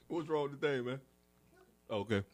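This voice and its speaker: A man hosting a podcast, throwing out wry, deadpan jokes in casual chat. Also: medium pitch, measured pace. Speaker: podcast host. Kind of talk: casual banter.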